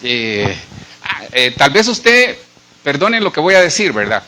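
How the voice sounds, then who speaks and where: A middle-aged Colombian pastor preaches in a lively, rising and falling voice that swings between high and low. His tone is bright and ringing, a little high for a man. He talks to the congregation directly, as if chatting with them. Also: unhurried. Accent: Colombian Spanish. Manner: conversational preaching, addresses listeners directly. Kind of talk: sermon.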